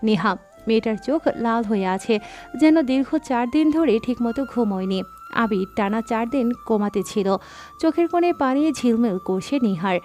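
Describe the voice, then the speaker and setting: A woman narrating a scripted audio story in a steady, dramatic reading style. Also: a little high, normal speed, faint music behind.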